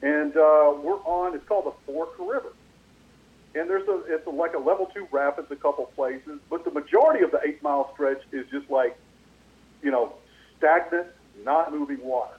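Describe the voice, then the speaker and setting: A man's voice: a little high, moderate pace. A man hosting a sports talk radio show, calling in on a phone line with an echo on his microphone and telling a rambling story with many fillers. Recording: echoey, dull, lo-fi phone line.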